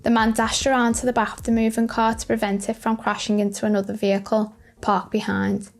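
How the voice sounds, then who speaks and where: A woman's voice: a little high, level tone, brisk, vocal fry. A woman reading scripted narration for light news video clips. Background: music.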